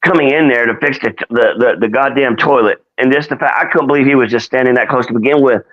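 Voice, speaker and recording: A man's voice: medium pitch, fast, a bit bright. A man guesting on a casual chat show, talking in a laid-back, profane way full of fillers. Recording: dull lo-fi audio.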